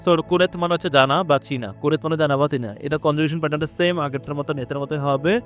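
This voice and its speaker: A man with a Bangladeshi accent, teaching a language lesson, who explains slowly and repeats each word and its meaning. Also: a little high, faint music behind. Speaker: French teacher.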